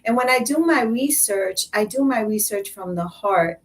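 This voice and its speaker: This talk show host has a mid-range voice and speaks in an animated but slightly slow way, well away from the microphone. She chats playfully and emphatically in a casual bilingual mix of Spanish and English.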